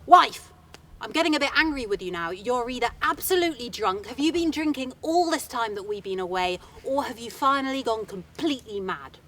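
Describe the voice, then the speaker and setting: A woman's voice: fairly high pitch, expressive, fairly quick, fairly bright tone. A woman voicing a worn-out fisherman who protests, confused and irritated, that he is alive, in a told folktale. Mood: exasperated. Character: exhausted bewildered fisherman husband.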